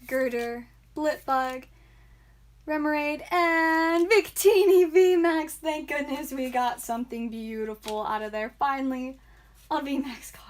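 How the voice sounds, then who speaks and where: A woman hosting a live card-opening stream, chatting and giggling with viewers, tired and a bit loopy. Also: high voice. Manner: chatty, giggly, talks to chat viewers by name. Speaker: livestream card seller and host.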